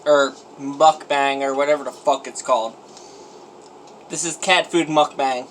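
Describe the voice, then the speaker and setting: A man's voice: on the high side, normal speed, a bit bright, a little hiss or hum, rough recording. A man filming an eating challenge vlog at home on a phone, groaning and complaining in an exaggerated, self-pitying way as he eats. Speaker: vlogger.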